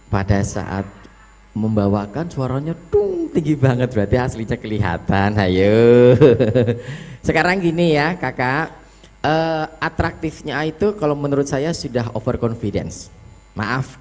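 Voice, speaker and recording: A man judging a children's storytelling contest, giving animated, affectionate feedback and acting out lines to show how they should sound. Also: mid-range voice. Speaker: competition judge. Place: school storytelling competition venue.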